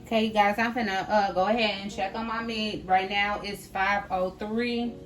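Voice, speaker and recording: A woman's voice: medium pitch, steady tone, moderate pace. A woman chatting casually as she cooks in her home kitchen, often adding "right?" and "y'all". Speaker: home cooking vlogger. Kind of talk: casual cook-along chat. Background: background music.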